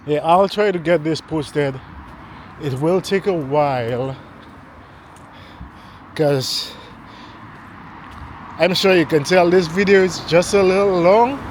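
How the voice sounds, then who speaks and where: Man, slightly high voice, very slow halting talk, walking vlog outdoors, faint street noise. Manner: slow, halting, repeats words. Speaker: vlogger. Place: outdoors on a neighborhood street at night. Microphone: handheld camera mic while walking.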